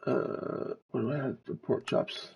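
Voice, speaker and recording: Slow, gravelly-voiced man musing while gaming. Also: medium pitch, steady tone, darkish tone, slight background noise, poor audio. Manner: slow, musing, talks to himself while playing. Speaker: streamer. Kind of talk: casual gameplay commentary.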